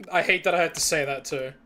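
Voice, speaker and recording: A man's voice: on the high side, moderate pace, sharp tone, a little hiss or hum. A young man casually chatting on a live stream while building a game level, laughing and rambling with restarts.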